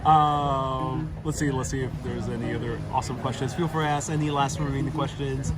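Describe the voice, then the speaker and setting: A man's voice: medium pitch, steady tone, fairly quick. A chatty man hosting a casual live stream outdoors, putting questions to a guest. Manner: chatty, reads out viewer questions. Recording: loud music, traffic and street noise.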